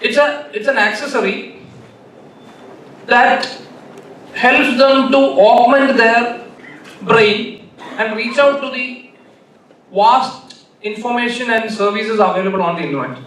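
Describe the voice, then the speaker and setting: Male conference speaker, Malayalam accent, bright high-set voice, halting informal delivery with repeated phrases. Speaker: keynote speaker. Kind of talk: informal conference talk with anecdotes. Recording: echoey hall, distant mic, faint noise.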